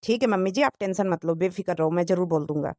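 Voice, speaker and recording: A woman's voice: on the low side, fast talker, mellow, dry recording, close to an everyday voice. A woman voicing a stern young husband in a cartoon moral story, who scolds and threatens his wife. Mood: reassuring. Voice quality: harsh, scolding.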